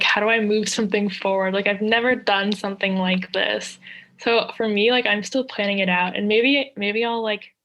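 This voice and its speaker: A woman's voice: mid-range voice, a bit bright. A young adult woman, a guest artist, talking reflectively in a casual interview, with many filler words. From United States.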